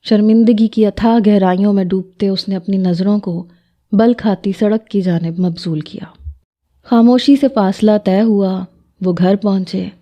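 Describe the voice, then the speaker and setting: A woman narrating an emotional story in a soft, measured, sorrowful way. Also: mid-range voice, highs cut off.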